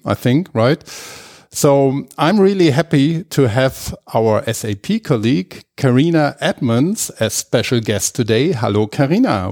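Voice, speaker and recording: A man's voice: medium pitch, a little mellow. A man hosting an interview over a video call, friendly and slightly formal, with some hesitations. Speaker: host.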